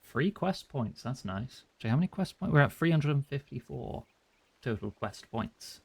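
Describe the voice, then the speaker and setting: A man's voice: medium pitch, lively intonation, moderate pace, gravelly, slightly rough. A man doing casual, informal video game commentary, thinking aloud as he plays. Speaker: gamer narrating a playthrough.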